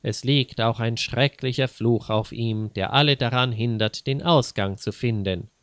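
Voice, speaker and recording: A man's voice: mid-range voice, unhurried, a bit bright, no echo. A man voicing a self-important, easily offended male ghost hunter who speaks grandly. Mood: pompous. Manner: grandiose, indignant.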